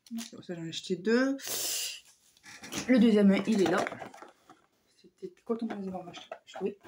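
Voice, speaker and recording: A woman vlogger with a hoarse voice chatting casually through a shopping haul, hesitant and full of fillers. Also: mid-range voice, a little mellow, slight background noise.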